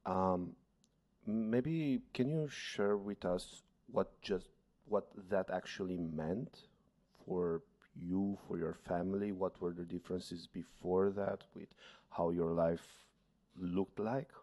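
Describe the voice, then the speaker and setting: Male podcast host, very low voice, slow and gentle in his questions. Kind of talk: casual interview talk.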